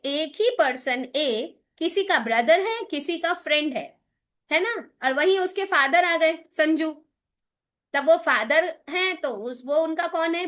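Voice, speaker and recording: A woman with an Indian English accent teaches a training class in a classroom, talking slowly and patiently. Her voice sits high, and she keeps pausing to check that everyone is following. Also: a bit bright. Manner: patient, explanatory, asks frequent check questions. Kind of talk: classroom lecture mixing Hindi and English.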